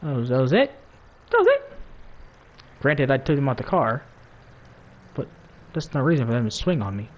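A man's voice: mid-range voice, animated, fairly quick, long pauses. A man giving casual, joking gameplay commentary, swearing a lot and laughing as he plays. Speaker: gamer.

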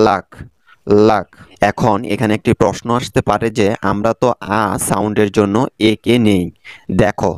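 A man with a Bangladeshi Bengali accent, low-pitched and clear, talks through English phonics. He breaks each word into its sounds carefully. The voice-over is dry, with no room sound. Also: no room sound. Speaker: English teacher. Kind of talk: scripted lesson narration.

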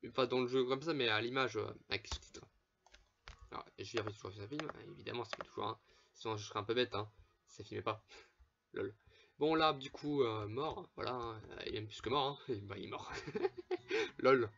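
A man gives loose, chatty commentary while he plays, swearing freely and laughing between remarks. His voice sits at an ordinary middle pitch. The recording is a bit dull and lo-fi, with mouse clicks in the background. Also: big pitch swings, moderate pace, gravelly, a bit bright. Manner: swears often, laughs, chatty asides to viewers. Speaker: gameplay commentator. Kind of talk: casual let's play commentary.

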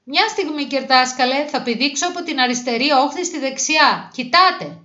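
A woman's voice: high voice, animated, pushed and bright, pitched above the performer's own voice. A woman voicing a naughty, boastful young male squirrel in a children's storybook reading, whiny and tearful. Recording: dull lo-fi recording.

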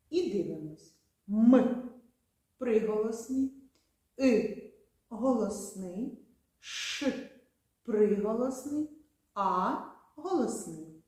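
Woman, kindergarten teacher from Ukraine, lively melodic delivery, warm low-key tone. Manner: slow, sing-song, stressing syllables. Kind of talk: children's lesson. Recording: very echoey room.

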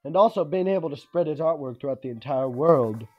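A man's voice: on the high side, expressive, fairly quick, lo-fi sound, soft background music. A man voicing a jovial, bumbling, friendly older man from a video game, in a hearty manner. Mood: jolly, friendly. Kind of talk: video game character read aloud.

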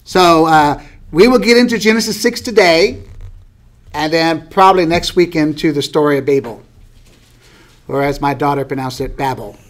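High-voiced man teaching a Bible class. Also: moderate pace, long pauses. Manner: conversational, asks the class questions, light laughs.

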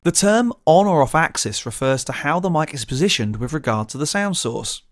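A man presenting a scripted audio tutorial, explaining clearly and methodically into a close studio condenser mic. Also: fairly high pitch, animated, moderate pace. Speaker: presenter of a gear channel.

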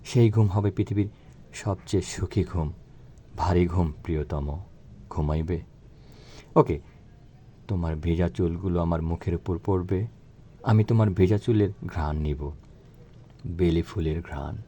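Give me a man with a very deep, mellow voice reciting a romantic poem-drama. He speaks softly and tenderly, slowing down and dropping lower on the loving lines. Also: slight background noise. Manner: soft, tender and slow, sinking low on lines of love.

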